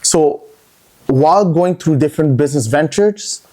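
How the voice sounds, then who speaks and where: On a casual podcast, a guest entrepreneur from Montreal, Canada, tells his story, looping chattily and repeating words. His voice is a little high and dark in tone, expressive, at a moderate pace.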